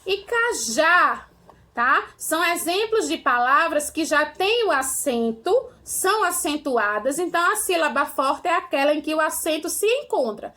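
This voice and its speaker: A woman's voice: high-pitched, animated, normal speed, few pauses, pushed and bright. A young Brazilian woman teaching a remote primary school lesson, patient and step by step, often checking in with "tá?". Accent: Brazilian Portuguese. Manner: patient, explains step by step, ends phrases with "tá?".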